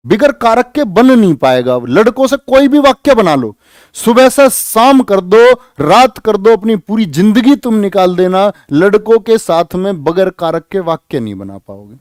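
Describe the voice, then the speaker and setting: Lively grammar teacher, man. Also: high voice, unhurried, dry recording, clean studio sound. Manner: lively, repeats questions and prods students to answer. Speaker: Hindi grammar teacher for police exam students. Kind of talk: live online exam-prep class.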